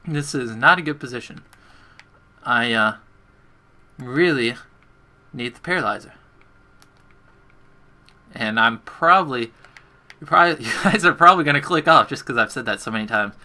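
A young man with a very bright, forward voice chats through a live gaming session from his bedroom. He is casual and self-deprecating, talking to his viewers while he plays. Keys clack faintly in the background. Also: mid-range voice, lively intonation, normal speed, pauses often. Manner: chatty, self-deprecating, talks to chat while playing. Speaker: gaming livestreamer. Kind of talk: casual live gameplay commentary. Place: bedroom at home.

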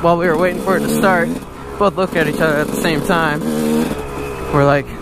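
A young man rambles through a story with plenty of ums and uhs, his voice a bit gravelly. He is talking into an action camera while riding a dirt bike through woods and fields. The roar of the engine and wind sits loudly under everything he says. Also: fairly high pitch, brisk. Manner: rambling, filler-heavy, relaxed. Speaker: vlogger. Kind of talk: casual storytelling. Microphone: helmet or handlebar action camera. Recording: loud engine and wind noise. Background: motorcycle engine.

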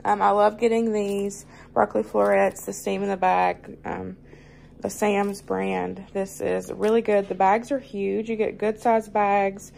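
A woman's voice: mid-range voice, flat delivery, unhurried, vocal fry, a little mellow, slight background noise, low-quality recording. A woman with a Southern US accent, chatting casually to camera at her kitchen table and saying y'all often. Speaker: vlogger showing a grocery haul.

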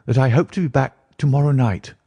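A man's voice: mid-range voice, a little fast, creaky, mellow, husky, no echo, voice pushed up. A man voicing a weak, eager young male client who is recovering from illness, speaking politely.

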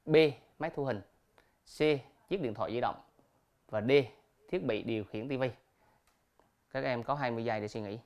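A male teacher with a mid-range voice takes his students through a recorded quiz. He reads each question and its options aloud slowly and clearly, pauses, then explains the answer step by step. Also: medium pitch, lo-fi sound. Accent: Vietnamese. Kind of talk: recorded classroom quiz lesson.

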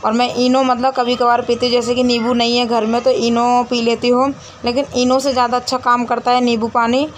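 A woman's voice: a little high, level tone, a little fast, a little hiss or hum. A woman vlogging casually at home, teasing a little child in a playful, chatty way, with an Agra Hindi accent. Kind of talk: casual home vlog chat.

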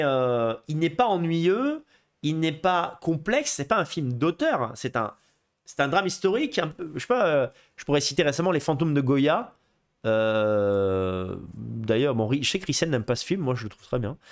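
A man hosting a live film show, chatting casually and rambling with lots of fillers, restarts and casual swearing. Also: fairly high pitch. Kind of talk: casual live chat about films.

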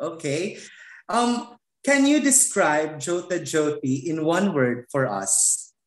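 Friendly woman co-host, lowish voice, slow pace, echoey room on a video call. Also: expressive. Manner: slow, friendly, halting with ums. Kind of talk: interviewing guests on a video call.

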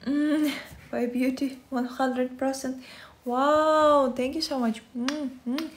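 Speaking slowly in a high voice with fairly even intonation, this livestreamer from Russia, a woman in her twenties with a Russian accent, answers viewer questions and reads chat. She's indoors in her bedroom, phone at arm's length, and her manner is soft and friendly as she thanks people watching.

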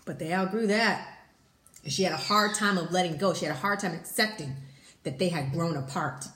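A woman's voice: mid-range voice, fairly bright tone. A woman vlogger giving blunt, emphatic commentary on a book. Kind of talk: animated commentary. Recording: roomy echo.

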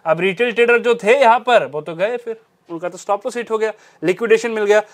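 A trading instructor with a high voice talks fairly quickly as he teaches a stock trading strategy over a chart. He's emphatic, stressing his key points and repeating key phrases.

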